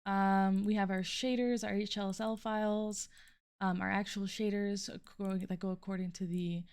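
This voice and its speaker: A young adult woman, a student, gives an informal, halting walkthrough of a programming project, thinking aloud as she goes and sometimes trailing off. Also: mid-range voice, flat delivery, a little mellow, smooth. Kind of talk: informal screen-recorded code walkthrough.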